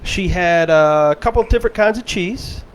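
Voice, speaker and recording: A man with a notably high voice, co-hosting a casual podcast. He teases his friend and laughs often. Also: normal speed, slight background noise. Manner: playful, teasing, laughs often. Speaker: podcast co-host. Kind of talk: casual chat.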